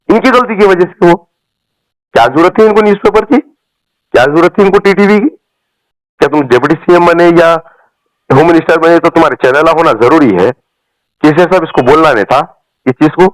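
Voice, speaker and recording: With a voice that is a little high and has no echo, a man from Telangana, India, speaks with a Hyderabadi accent on a recorded phone call. A party supporter, he delivers a casual political rant, emphatic, colloquial, and full of repeated phrases.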